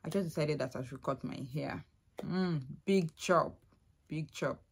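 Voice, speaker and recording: A young adult woman vlogging casually to camera, emotional and soft-spoken, repeating herself often. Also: low-pitched, normal speed, vocal fry.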